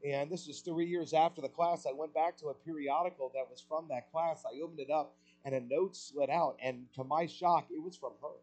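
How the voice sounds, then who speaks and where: A man preaching a sermon with passion, asking rhetorical questions and swelling louder on key points. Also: a little high, steady tone, a little fast, hardly any pauses, low-quality recording.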